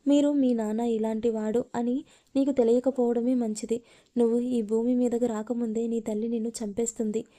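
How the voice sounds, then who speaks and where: A betrayed pregnant young wife, tearful and reproachful, in a spoken storybook, her low mellow tone staying flat and even, as a woman reads her lines. The hurt is carried more in the words than in any change of voice. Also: normal speed, natural voice. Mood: despairing.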